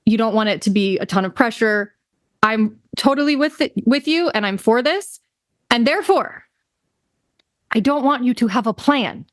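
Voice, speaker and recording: A woman's voice: fairly high pitch, animated, moderate pace, dry recording. Playful woman podcast co-host, dry sound. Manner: playful, emphatic, jokey asides. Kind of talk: casual chat.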